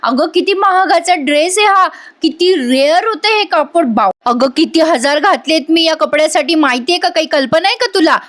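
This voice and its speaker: Woman voicing rude young wife, scolding, haughty, high-pitched. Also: normal speed, natural voice. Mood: angry. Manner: snappish, scolding.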